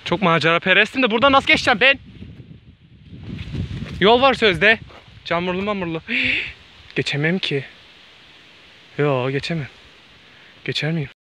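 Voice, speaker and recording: A man's voice: high voice, normal speed, pauses often, bright, forceful tone, a little hiss or hum. A man vlogging outdoors while walking through a forest alone, nervous and joking, talking to himself and to viewers. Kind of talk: casual vlog while hiking alone.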